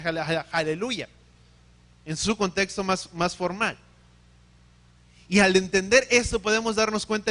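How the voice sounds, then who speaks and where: A man preaches in a high, bright voice. He teaches carefully, puts questions to his listeners and corrects himself as he goes. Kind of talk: sermon.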